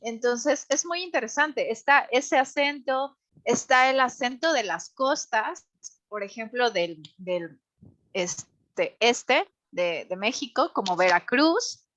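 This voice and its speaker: Mexican lady from the center of the country, talks slow, bright clear voice, lots of examples. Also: on the high side, animated, dry recording. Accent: central Mexican Spanish. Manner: thoughtful, explains with examples. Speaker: guest. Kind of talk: casual chat.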